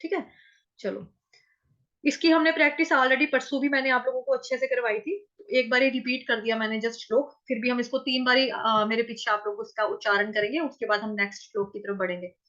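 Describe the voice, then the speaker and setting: Female recitation teacher, high and bright, patient, syllable-by-syllable coaching, slow chanting, slightly muffled audio. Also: fairly even intonation. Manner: explains pronunciation syllable by syllable, drawing out chanted verse slowly. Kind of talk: online recitation lesson.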